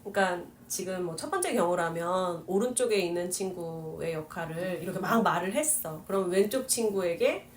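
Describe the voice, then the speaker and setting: A woman teacher leading a relaxed book discussion and asking the group questions. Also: lowish voice, moderate pace, hardly any pauses. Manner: reflective, asks the group questions. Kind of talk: casual discussion. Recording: echoey room, distant mic, faint background noise.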